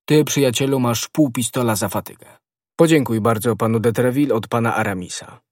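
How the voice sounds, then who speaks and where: A man voicing a bold, knowing young guardsman who speaks briskly and gives orders, in a husky voice. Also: mid-range voice, darkish tone, dry recording, studio quality, lightly acted.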